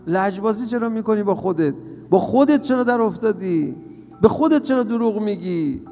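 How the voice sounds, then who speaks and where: A man's voice: sits high, animated, mellow. A man preaching a sermon to a crowd, asking rhetorical questions and repeating lines for emphasis. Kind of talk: religious sermon. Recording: reverberant hall with faint music.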